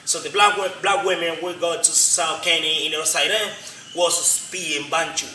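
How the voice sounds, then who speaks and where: A man from Colombia with a Colombian Spanish accent, explaining his community's history as a local guide in halting, repetitive English. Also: fairly high pitch, fairly even intonation, pushed and bright. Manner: halting non-native English, repetitive, frequent "you know?". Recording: roomy, distant from the mic, faint noise.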